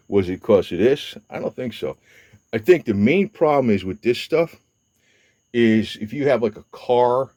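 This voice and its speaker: A motorcycle vlogger in his seventies rambles casually to camera in a video update, full of fillers, restarts and mild swearing. His voice is very low and a little mellow, and the recording is dry with almost no room echo.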